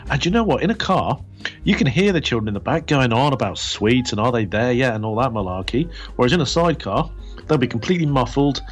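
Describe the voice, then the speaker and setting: A man's voice: big pitch swings, fast, slightly rough, soft background music. A man voicing a cheeky, chatty old lady who plays agony aunt on a radio show. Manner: falsetto granny voice, rambling.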